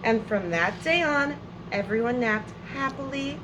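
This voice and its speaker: A woman with a fairly high pitch hosts a children's storytime and reads a picture book aloud expressively. Her words are drawn out, and she talks to the young listeners as friends through friendly asides. Some background noise is present.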